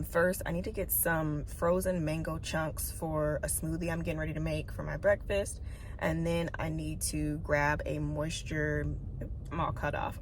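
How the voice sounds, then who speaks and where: A woman's voice: low voice, a little hiss or hum. A young woman chatting casually to her viewers in a day-in-the-life vlog, loose and rambling with lots of "um" and "like.". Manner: chatty, loose, with many fillers and "like". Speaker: vlogger and business coach.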